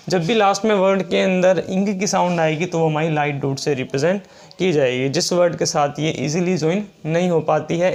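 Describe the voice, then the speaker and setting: Guy with a pretty high voice teaching a class, slow and repetitive. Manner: slow, repetitive explaining, reads rules aloud. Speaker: shorthand teacher. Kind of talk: classroom lesson.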